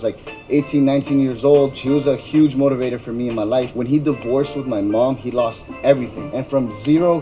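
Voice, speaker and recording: A young man from Miami chatting easily in an interview, with a warm, mellow tone. He talks in a laid-back way, often saying "yeah, yeah." Soft music sits faintly in the background. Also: mid-range voice, poor audio. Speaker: trader, interview guest. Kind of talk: casual conversation.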